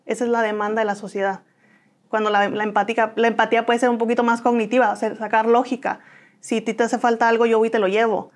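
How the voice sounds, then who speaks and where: A woman's voice: a little high, little pitch movement, fast talker. A woman with a Mexican accent, a guest in an interview, telling her own story earnestly and acting out the voices of people she quotes.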